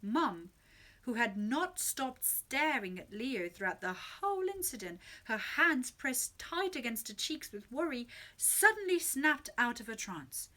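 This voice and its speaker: Expressive woman reading a children's story. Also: a little high, measured pace. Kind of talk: children's story read aloud.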